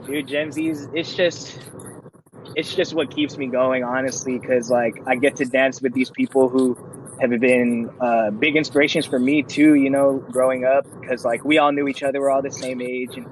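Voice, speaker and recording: A man's voice: mid-range voice, flat delivery, normal speed, slight background noise, rough recording. A man of twenty-one, a dancer, talking through a casual interview in a laid-back, reflective way and laughing often. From California, USA. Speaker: guest, dancer.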